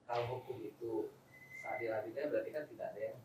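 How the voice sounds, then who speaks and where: A man guest on a casual podcast, a freelance creator who talks with animated, emphatic exclamations. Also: medium pitch, fast talker, reverberant, background noise.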